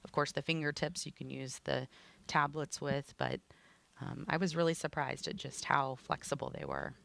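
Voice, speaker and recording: Female broadcast commentator, conversational explainer, plain-spoken, with a creaky edge. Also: low-pitched, lively intonation, moderate pace, fairly bright tone.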